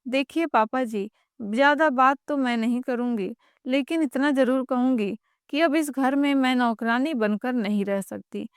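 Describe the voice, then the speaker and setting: A woman's voice: high voice, a little slow, clean tone, dry recording, studio quality. A woman voicing an overworked young wife who speaks out in an indignant, raised voice.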